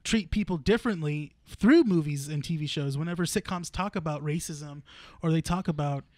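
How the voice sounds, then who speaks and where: A man's voice: on the high side, a little fast, no room sound, studio quality. A man in his late twenties co-hosting a podcast, chatting casually and rambling with lots of fillers. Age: 20s. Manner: rambling, filler-heavy, animated storyteller. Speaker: podcast co-host. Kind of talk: casual chat.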